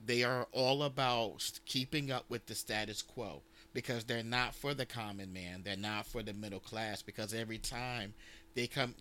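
Podcast guy, bright tone, mid pitch, blunt and emphatic, trips over his first words. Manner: blunt, emphatic, repeats words when he starts a sentence. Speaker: podcast co-host. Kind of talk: casual political chat.

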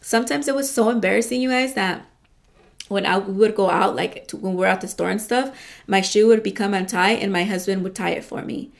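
A woman's voice: medium pitch, fairly quick, creaky. Woman chatting to her listeners, swears a ton, rambly and casual, keeps saying you guys. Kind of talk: casual motivational chat.

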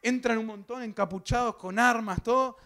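A man's voice: very high-pitched, steady tone, normal speed, gravelly, pushed and bright. A young man with a Rioplatense accent giving a sermon testimony, telling his story vividly with sound effects and acted quotes, and speaking directly to the congregation. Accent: Rioplatense Spanish. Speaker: preacher.

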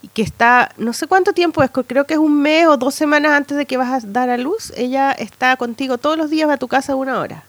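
Chilean woman co-host in her thirties, higher pitch, animated storyteller, dry close recording. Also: brisk, few pauses, no echo. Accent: Chilean Spanish. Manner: animated storytelling with lots of slang tags. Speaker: podcast co-host. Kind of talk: casual chat.

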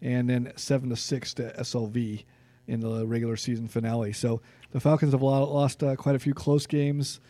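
A man's voice: mid-range voice, moderate pace, no room sound. A man with a Californian accent co-hosting a sports podcast, chatting casually and reading out team records. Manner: reads stats, relaxed and conversational.

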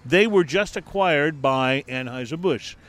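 A man's voice: on the high side, lively intonation, measured pace, fairly bright tone. An American man hosting an unscripted talk show in a chatty, upbeat way. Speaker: podcast host. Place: outdoor restaurant terrace.

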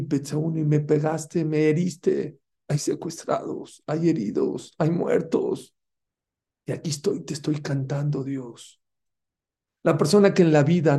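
A man with a fairly high-pitched, dark voice delivers a fervent Torah lesson. He poses rhetorical questions to his listeners and weaves Hebrew terms into what he says.

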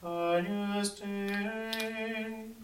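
Slow sung chant in cathedral echo. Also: mid-range voice, steady tone, crowd noise. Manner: slow, drawn-out singing. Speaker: church choir or congregation singing responses. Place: large church. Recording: heavy cathedral echo from far off, organ accompaniment.

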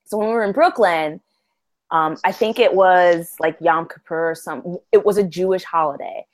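A woman co-hosting a podcast, telling stories in casual chat, animated and laughing as she tells them. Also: fairly low pitch, moderate pace. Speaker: podcast co-host.

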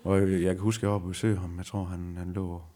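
A middle-aged man, a former rally driver, answering interview questions slowly and reflectively, often pausing to find his words. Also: sits low, level tone, warm tone. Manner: slow, reflective, halting. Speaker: retired rally driver as guest. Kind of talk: conversational interview.

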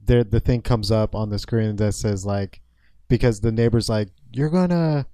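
Low, mellow-voiced young man, halting. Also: little pitch movement, no echo. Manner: halting, restarts, reaches for words. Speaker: podcast co-host. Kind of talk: casual chat about a film.

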